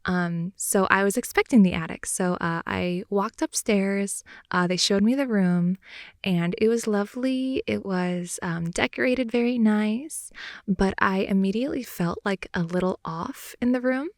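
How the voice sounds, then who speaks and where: Unhurried and mid-range, a woman's voice comes through a close, dry studio mic with no room sound. She's an ASMR performer improvising girlfriend-style intimacy, telling personal stories in rambling, hesitant casual speech heavy with fillers.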